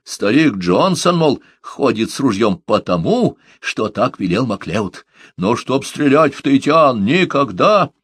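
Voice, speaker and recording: A man's voice: medium pitch, big pitch swings, a little slow, fairly bright tone, breathy edge, dry recording, studio quality, pitched above the performer's own voice, exaggerated voice. A man voicing a fretful, rambling old man with a quavering, plaintive voice in an audiobook. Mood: wheedling.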